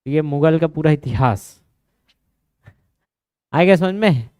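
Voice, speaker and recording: High-voiced man drilling history mnemonics. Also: expressive, darkish tone, smooth, dry recording, studio quality. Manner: drills students with quick questions and mnemonics. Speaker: teacher. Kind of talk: exam-prep lecture.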